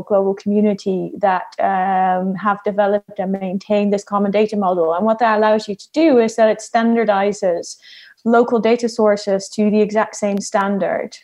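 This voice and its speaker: A woman with a Dutch accent gives explanatory interview answers in measured, somewhat hesitant phrasing. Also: medium pitch, mellow. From Netherlands. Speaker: interview guest, health research scientific advisor. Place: at home in a kitchen.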